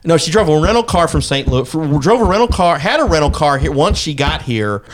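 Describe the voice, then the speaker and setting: A man hosting a casual local news podcast, blunt and animated as he tells stories. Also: a little high, fairly quick, a crowd in the background. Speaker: podcast host. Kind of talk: casual chat.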